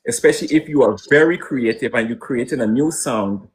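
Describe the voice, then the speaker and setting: A man from Guyana, a musician guest in a relaxed online interview, speaking through a computer mic on a call. His voice sits in a middle pitch. He talks haltingly, restarting phrases and filling gaps with ums before landing on his point. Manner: rambling, hesitant with many restarts. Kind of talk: casual interview answers.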